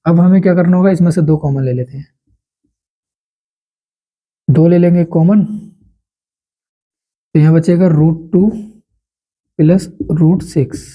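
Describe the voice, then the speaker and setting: High, bright-voiced male maths teacher. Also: steady tone, a little slow, pauses often, rough recording. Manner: explains patiently, repeats key steps. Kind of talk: step-by-step maths lesson.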